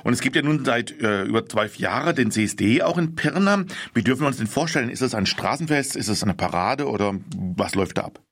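A man's voice: mid-range voice, expressive, a little fast, hardly any pauses, a bit bright. A man hosting a radio show, reading a prepared introduction and then interviewing a guest with short questions.

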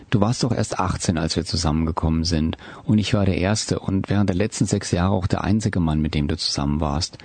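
A caring, soft-spoken man of about thirty, voiced by a male reader in an audiobook. His low voice stays calm and soothing throughout. It carries a husky grain and sits dry and close to the mic. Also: dry recording. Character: gentle, caring man around thirty, the older partner.

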